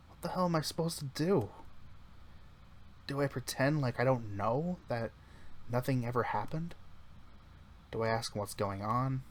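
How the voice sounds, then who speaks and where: A man's voice: medium pitch, expressive, normal speed, pauses often. A man reading a visual novel aloud in first person, casual, with small slips he corrects as he goes. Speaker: let's play narrator.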